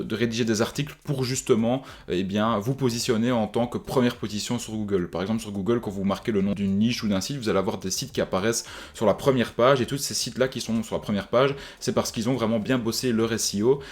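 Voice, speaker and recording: A man's voice: lowish voice, darkish tone. A man who runs an online business course, giving a casual screen-share tutorial, chatty, full of fillers and restarts, talking straight to viewers.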